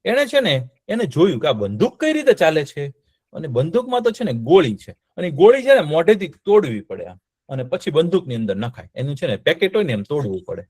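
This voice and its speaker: A man's voice: on the high side, very animated, fairly quick, a little mellow, slightly rough, dry recording, clean studio sound. A man telling a history story to children, often stopping to quiz them with check-in questions.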